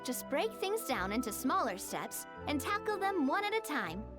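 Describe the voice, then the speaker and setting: A friendly business mentor walks a newcomer through the game's systems with patient encouragement. Her voice sits high and moves with a lively, sing-song lilt, and soft game music plays underneath. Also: normal speed. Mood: encouraging. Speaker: game character voice. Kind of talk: video game voice acting. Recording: game audio over music.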